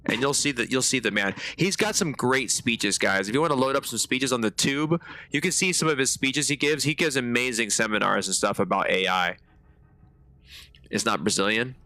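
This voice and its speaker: A man streaming a game live, chatting with viewers in slangy, animated storytelling. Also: mid-range voice. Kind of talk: live gameplay commentary.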